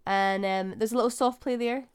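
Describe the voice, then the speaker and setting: A woman's voice: on the high side, steady tone, moderate pace, smooth. A Scottish woman co-hosting a podcast in casual, informal chat. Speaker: podcast co-host.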